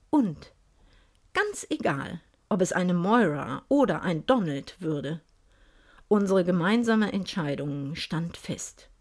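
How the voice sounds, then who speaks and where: A woman narrating a first-person story aloud in a lively, expressive manner. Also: fairly low pitch.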